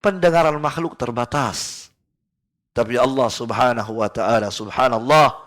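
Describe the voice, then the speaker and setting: A man teaching Quran exegesis in a live study class in a prayer room, lively and rhetorical, keeps asking his listeners why and then answering himself, with Arabic verses recited in a slow chant. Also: mid-range voice, no room sound.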